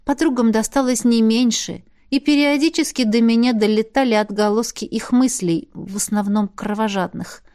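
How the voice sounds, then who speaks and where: A woman narrating a first-person fantasy audiobook in an even, expressive storytelling manner. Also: a little high, moderate pace, few pauses.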